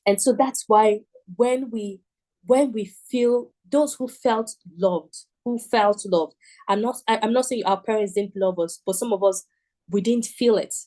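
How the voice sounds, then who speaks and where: A woman's voice: medium pitch, measured pace, warm tone. A woman giving a motivational teaching talk, earnest and emphatic, repeating key phrases and checking in with "right?" and "you know". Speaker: program teacher.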